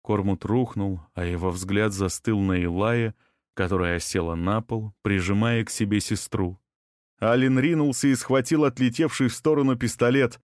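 A man reading a dramatic audiobook with a tense, expressive delivery. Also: lowish voice, moderate pace, no room sound, clean studio sound. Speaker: audiobook narrator.

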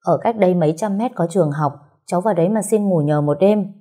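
A woman's voice: lowish voice, fast talker, mellow, slightly rough. A woman voicing a cool, cautious older woman who runs an eatery, speaking matter-of-factly in a storybook. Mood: kind.

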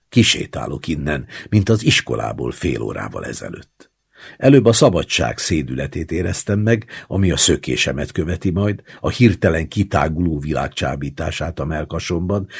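A man narrating a literary short story in the first person, in a measured audiobook reading. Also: rumbling low, gravelly, darkish tone, slightly rough.

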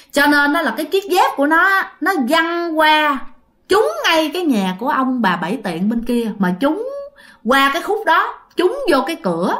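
Brief: high-voiced Southern Vietnamese woman, lively chatty ghost-story teller who talks right to the listeners. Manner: chatty, repeats phrases, keeps addressing listeners. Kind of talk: casual ghost story narration.

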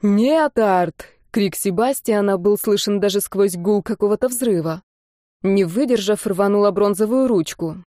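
A woman narrating a first-person fantasy audiobook in a steady, expressive reading. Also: medium pitch, moderate pace, dry recording, clean studio sound.

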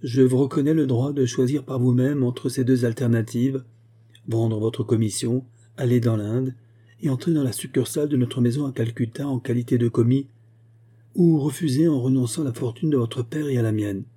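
A severe elderly banker hands down his judgment in a commanding tone, read by a man. The voice is very dark and slightly husky. He sounds unforgiving. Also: mid-range voice, fairly even intonation, moderate pace, natural voice. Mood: lecturing.

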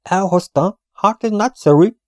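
A man voicing an excitable, impatient nobleman who speaks in a raised, agitated voice in an audiobook. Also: high voice, no echo, studio quality, pitched above the performer's own voice, natural voice.

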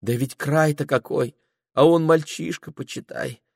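A worried, pious mother, as a man puts her on, speaking softly in a raised, pleading voice. The sound is close and dry. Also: a little high, unhurried, gravelly, no room sound, pitched above the performer's own voice. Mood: plaintive. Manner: plaintive, pleading, soft. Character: anxious pious middle-aged mother.

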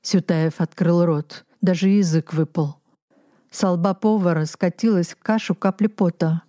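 Brief: woman audiobook narrator, low-pitched and unhurried, measured delivery. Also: fairly even intonation, mellow, dry recording, clean studio sound. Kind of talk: scripted literary narration.

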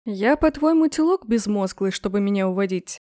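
A woman's voice: mid-range voice, animated, normal speed, warm tone, no echo, studio quality, voice pushed down, close to an everyday voice. A woman voicing a mocking, arrogant young male dragon in a fantasy audiobook. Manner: teasing, smug.

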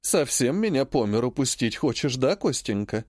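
Man doing a shrewd old grandmother, indignant, wheedling, dramatic, lively pitch, dry sound. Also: moderate pace, no room sound. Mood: lamenting. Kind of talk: audiobook character reading.

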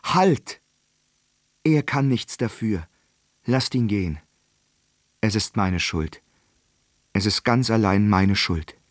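A man's voice: on the low side, lively intonation, slow pace, pauses often, dry recording, clean studio sound. A man voicing a remorseful young servant who pleads and apologizes tearfully. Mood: pleading.

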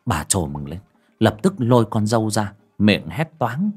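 A man narrates a horror audiobook with suspense. His voice is husky and breathy. His pitch swings widely from line to line. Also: very animated, a little slow, a little mellow, faint music behind. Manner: dramatic, suspenseful storytelling.

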